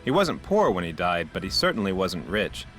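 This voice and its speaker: A man's voice: low voice, big pitch swings, normal speed, a bit bright, soft background music. An actor voicing a dutiful, politely formal male park ranger in a video game. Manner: polite, formal, slightly self-important.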